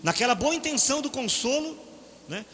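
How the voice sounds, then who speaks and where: A man's voice: very high-pitched, lively intonation, brisk, bright, forceful tone. A middle-aged Brazilian man preaching a conversational sermon, telling personal stories, often ending phrases with a questioning "né?" and acting out other people's voices. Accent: Brazilian Portuguese. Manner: conversational, frequent "né?" tag questions; acts out quoted voices in storytelling. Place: church hall. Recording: reverberant hall, faint ambient noise.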